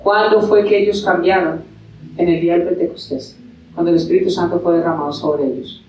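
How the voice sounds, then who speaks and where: Preacher in an echoey hall. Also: male voice, sits high, fairly even intonation, brisk, darkish tone, distant mic, a little hiss or hum. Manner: preaching with rhetorical questions and acted quotes. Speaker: pastor. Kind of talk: sermon.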